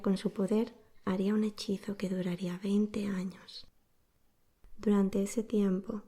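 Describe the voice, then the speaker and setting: Female bedtime-story narrator, ASMR: soft breathy whisper, relaxed, soothing, level intonation. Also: mid-range voice. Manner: soothing, slow-paced, hushed narration.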